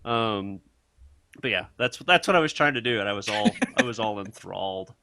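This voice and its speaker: A man's voice: on the low side, lively intonation, bright, forceful tone, no room sound, clean studio sound. A man co-hosting a casual podcast who chimes in with jokes and laughs often. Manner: joking, chiming in, quick to laugh. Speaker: podcast co-host. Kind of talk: casual chat.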